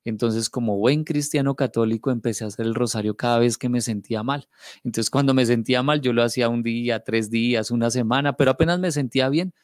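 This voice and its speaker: A Colombian man from Bogotá tells his faith testimony in an earnest, heartfelt way, circling back on phrases as he goes. His voice sits at a middle pitch, and it is recorded dry and close with almost no room sound. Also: fast talker, no room sound. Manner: earnest, emotional storytelling with repetitions. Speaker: testimony speaker.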